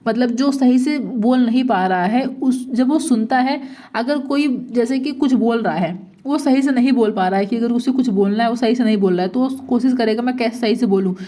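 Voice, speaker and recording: A woman's voice: fairly high pitch, dark tone. A woman teacher giving an exam-prep lecture, asking rhetorical questions, answering them herself and repeating each point.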